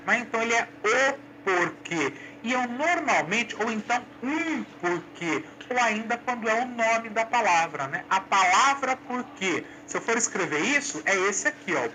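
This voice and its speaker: Woman, grammar teacher, animated pitch, faint hiss behind. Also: low-quality recording. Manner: patient, asks questions back, says "ok?" and "olha lá". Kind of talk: classroom explanation.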